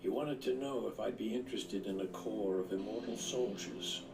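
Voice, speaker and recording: Gravelly shrewd old commander. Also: male voice, on the low side, normal speed, far from the mic. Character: shrewd, eccentric old male military commander in an anime. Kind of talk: English anime dub acting. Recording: echoey playback under loud music, off-mic.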